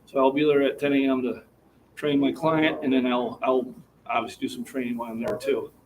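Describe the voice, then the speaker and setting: A man's voice: mid-range voice, level tone, fairly quick, a crowd in the background. A man in his sixties hosting a gym livestream, chatting to viewers while he catches his breath between lifts. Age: 60s. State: slightly out of breath. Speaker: fitness livestream host. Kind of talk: casual chat to a live chat between lifts. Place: gym, indoors. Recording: distant mic with faint room noise.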